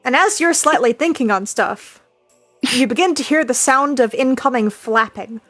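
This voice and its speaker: A woman narrating as game master of a tabletop game in a calm, matter-of-fact way. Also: sits high, normal speed, dry recording, faint music behind.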